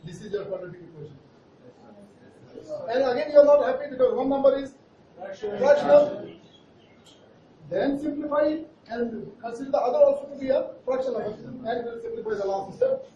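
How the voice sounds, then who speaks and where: A man's voice: extremely high pitch, mellow. A man with an Indian accent teaching maths to a class in a playful, teasing way, checking in with questions. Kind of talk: interactive classroom lesson. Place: classroom at a board. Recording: echoey, noisy, muffled classroom, far from mic.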